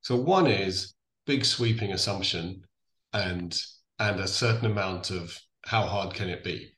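An Irish man from Donegal explaining things in a conversational interview, thoughtful and halting, often restarting and correcting himself. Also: low voice, a bit bright. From Donegal, Ireland. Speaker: interview guest, distillery founder. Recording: echoey room sound.

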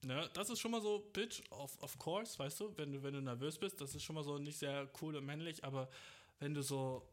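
This casual comedic podcast monologue comes from a young male host whose voice sits a little high and moves a little fast. He rambles through comic bits full of slang and English curse words, cracking himself up along the way.

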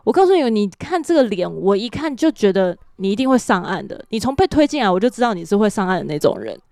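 Woman doing a blunt know-it-all anesthesiologist guy, lecturing and scornful, fast, dry close mic. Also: mid-range voice, sing-song, creaky, darkish tone, dry recording. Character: blunt dismissive male anesthesiologist, middle-aged.

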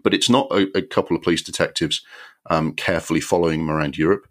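A man hosting a film podcast, giving an animated, exasperated review with many ums and the odd swear word. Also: low-pitched, fast.

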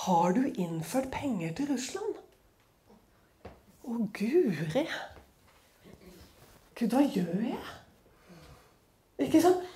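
A woman's voice: high voice, dark tone. A woman speaking at a church, telling a personal testimony as a dramatic, chatty story full of conversational fillers.

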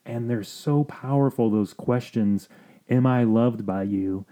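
A marriage counselor hosting a podcast explains things informally, earnest and reflective. His voice is mid-range and warm, and he speaks a little slowly.

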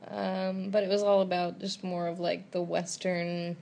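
A woman's voice: lowish voice, flat delivery, measured pace, creaky, darkish tone, slight background noise. A young woman chatting casually on a travel vlog, giggly and teasing. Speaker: travel vlogger. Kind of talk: casual chat.

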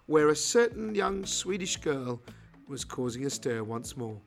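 Man, podcast host, chatty and wry, slightly high voice, faint music behind. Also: sing-song, unhurried, vocal fry. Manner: chatty, wry, self-deprecating. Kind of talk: casual podcast narration and interviewing.

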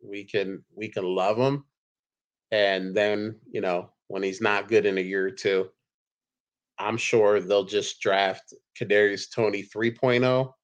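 A man hosts a relaxed sports podcast, talking in an easygoing, joking way and chuckling along. His voice sits a little on the low side. He sounds unhurried and conversational. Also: highs cut off. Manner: laid-back, joking, chuckles often. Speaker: podcast host. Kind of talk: casual fantasy football podcast chat.

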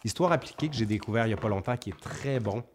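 A man speaks in a fairly low voice with a clear Quebec French accent. He chats casually to viewers as a host, reading out their questions and answering them off the cuff. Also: lively intonation, fast, slight background noise. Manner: conversational, reads questions aloud then answers off the cuff. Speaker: history video host.

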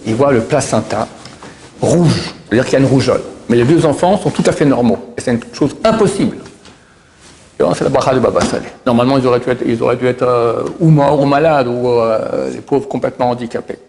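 A man's voice: medium pitch, darkish tone, a little hiss or hum. A middle-aged man casually retelling religious miracle stories, often stumbling and repeating words as he goes. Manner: halting, repeats and restarts words. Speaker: storyteller.

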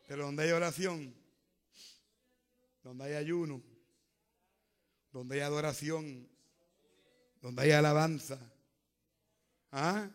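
A man preaching a fervent sermon, swinging from hushed to loud. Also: a little high.

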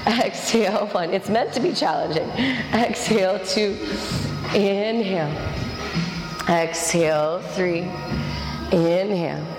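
A woman's voice: mid-range voice, takes it slowly, long pauses. A woman teaching a yoga class, giving directive step-by-step cues and counting breaths. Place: large echoey indoor studio with a class. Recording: echoey hall with music behind. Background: music.

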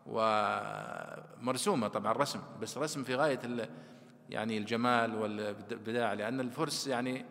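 A man lectures on classical scripture commentary with a bright, forceful tone, moving between patient explanation and recited lines of poetry and verse. His voice rings out into a long reverberant hall. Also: mid-range voice. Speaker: Quran commentary teacher.

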